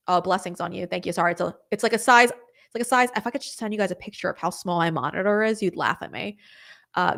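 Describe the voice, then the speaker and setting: A young woman hosting a live stream, chatting casually and rambling through viewer comments with quick apologetic asides. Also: mid-range voice, fairly bright tone. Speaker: host of a political live stream.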